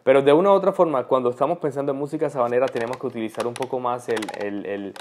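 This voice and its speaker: A man from Colombia teaching the accordion in a calm, patient tutorial, repeating each step slowly as he demonstrates. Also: mid-range voice, slight background noise. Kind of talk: music tutorial. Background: faint accordion playing.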